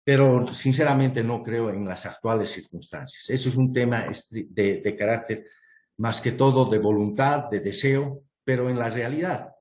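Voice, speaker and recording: A man's voice: mid-range voice, normal speed, a little mellow, roomy sound. A man, a guest speaker making an earnest, argumentative case in an online panel talk, with many fillers and restarts. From Bolivia. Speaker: guest speaker presenting a proposal.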